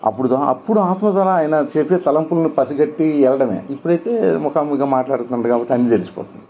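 A man's voice: a little high, fast talker. Middle-aged man preaching emphatically, lo-fi. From India. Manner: emphatic preaching, rhetorical questions, acts out quoted voices. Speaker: pastor. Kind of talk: sermon. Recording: dull lo-fi sound with faint noise.

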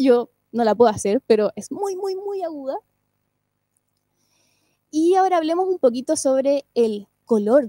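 A woman, a singing teacher and speech therapist, giving an online lecture in a clear, explanatory way and often checking that listeners follow. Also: a little high, mellow, no echo, studio quality.

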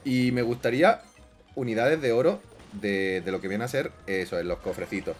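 A man giving excitable gameplay commentary, swinging from quiet mumbling to loud outbursts. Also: medium pitch, normal speed, soft background music. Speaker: gaming YouTuber.

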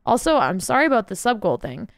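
Woman streamer, casual gaming chat, smooth clear voice, slightly high, swears a lot. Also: sing-song, fast talker, no room sound. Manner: chatty, swears freely, talks to chat.

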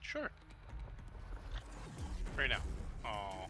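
A man's voice: lowish voice, wildly swooping pitch, extremely slow. Dude joking dryly with his squad, game music playing under him. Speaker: teammate on voice call. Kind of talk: casual gaming banter.

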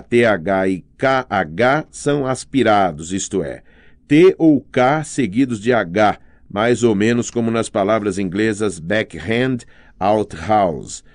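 Slow, measured Brazilian male narrator. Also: on the low side, a little mellow, no room sound, clean studio sound. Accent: Brazilian Portuguese. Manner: slow, careful reading that spells out sounds. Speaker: audiobook narrator. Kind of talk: scripted narration.

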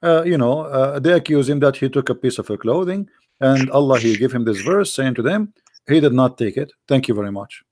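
A man from the Middle East, hoarse and losing his voice, insistently pressing rhetorical questions as host of an online debate. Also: mid-range voice, lively intonation, fairly quick, darkish tone, no room sound.

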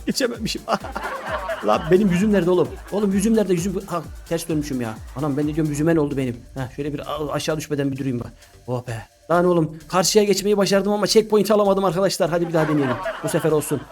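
Fast-talking excitable man gaming. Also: on the high side, music in the background. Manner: exclaims and shouts often, laughs a lot. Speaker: gaming YouTuber. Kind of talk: excited gameplay commentary.

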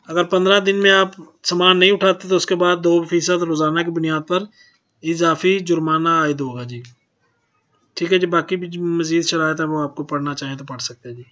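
Man, channel host, reads notices, polite ji, bright voice, muffled recording. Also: a little high. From Pakistan. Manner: plain, repeats "ji" often. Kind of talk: reading out auction notices.

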